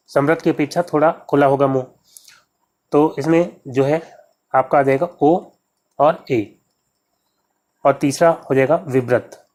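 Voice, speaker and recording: In a fairly high, darkish voice, a man teaches exam questions, explaining each quiz answer step by step. He's repetitive with key words and speaks to viewers as friends.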